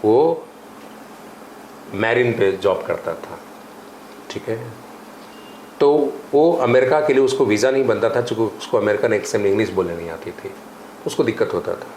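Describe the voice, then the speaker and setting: A man's voice: lowish voice, moderate pace, pauses often. Emphatic English-teacher man, echoey. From India. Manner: animated, emphatic teaching, mixes Hindi with English phrases and drills. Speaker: spoken English teacher and coaching director. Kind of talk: podcast interview. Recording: echoey room with faint ambient noise.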